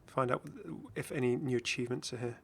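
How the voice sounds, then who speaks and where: This man speaks quickly in a mid-range voice with fairly even intonation, chatting casually as a gaming YouTuber. It's unscripted, rambling commentary plus a channel update.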